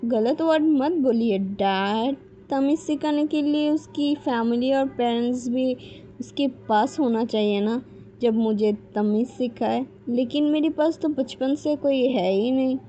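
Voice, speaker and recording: A woman's voice: a little slow, dark tone. A woman voicing a cold, defiant young daughter who talks bluntly and dismissively. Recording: dull low-fidelity mic with faint background noise.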